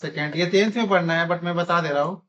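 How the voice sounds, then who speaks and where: A man's voice: high voice, fast talker, fairly bright tone, lo-fi sound, slight background noise. Guy teaching math in a classroom, keeps asking the kids questions over and over. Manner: keeps quizzing students with repeated questions.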